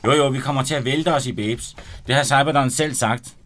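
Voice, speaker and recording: A man voicing a brash, excited young man who is loud and crude. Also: mid-range voice, voice pushed up, close to an everyday voice. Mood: brash, rowdy. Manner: loud and pushy.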